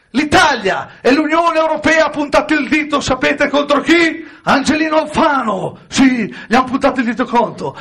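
A man's voice: very high-pitched, fairly bright tone. A man doing stand-up comedy on stage, firing punchy jokes at a live audience. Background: audience laughter.

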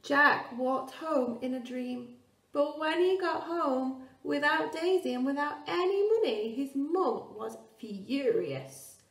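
A woman primary teacher reading a storybook aloud to children with lively emphasis. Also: high voice, takes it slowly, gravelly, far from the mic. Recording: roomy echo, off-mic.

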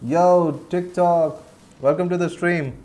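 A man with an Indian accent streams gameplay in a high, steady, mellow voice at a slow pace. He chats casually with viewers, laughs often and answers chat as he plays.

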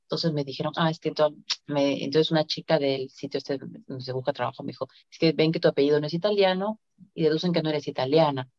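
In a casual conversational interview, a middle-aged Latin American woman talks fast in a low, slightly mellow voice. She's on a video call indoors, and her device microphone yields dull, lo-fi audio.

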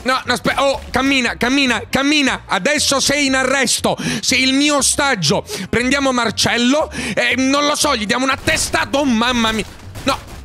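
A man giving loud, hyperactive gameplay commentary, often shouting and breaking into sing-song outbursts. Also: extremely high pitch, normal speed. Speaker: gaming YouTuber.

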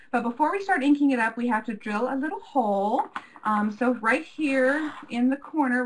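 A woman's voice: a little high, slight background noise, rough recording. A woman giving a live craft tutorial in a chatty, jokey manner with frequent fillers. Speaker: craft demonstrator.

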